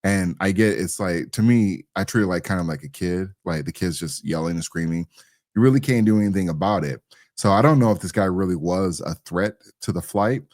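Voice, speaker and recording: A man's voice: low-pitched, brisk, darkish tone, dry recording, studio quality. A man giving casual, opinionated commentary as a co-host, slangy and rambling, often repeating his phrases. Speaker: talk show co-host.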